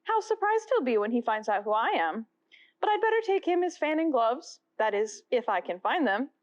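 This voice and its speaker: A woman's voice: fairly high pitch, very animated, moderate pace, highs cut off. A woman voicing Alice, a curious young girl who is eager, easily upset and talks to herself. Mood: wondering.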